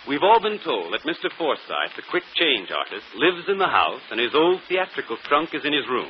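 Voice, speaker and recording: In the style of 1940s radio drama, a man plays a brilliant, self-assured detective confidently explaining his solution, articulate and theatrical. His voice is on the high side, sing-song and a little fast. The recording sounds like a muffled, noisy old radio broadcast.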